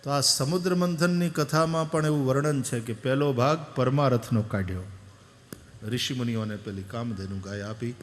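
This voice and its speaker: A man giving an animated devotional sermon, telling stories and moving from soft to loud. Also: medium pitch, moderate pace. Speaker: katha preacher. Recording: long echo of a large hall.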